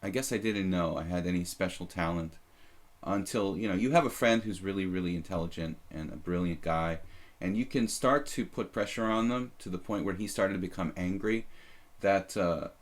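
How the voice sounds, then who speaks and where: A man in his thirties with a voice that sits low speaks at a normal speed while casually commenting on his own chess games on a live stream. He rambles and puts himself down, uses many fillers and restarts, and has a slight leftover cough.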